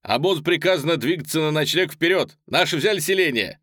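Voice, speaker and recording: A man's voice: a little high, a little fast, breathy edge, dry recording, clean studio sound, pitched above the performer's own voice. A man voicing a breathless jubilant young rider. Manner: breathless excited reporting.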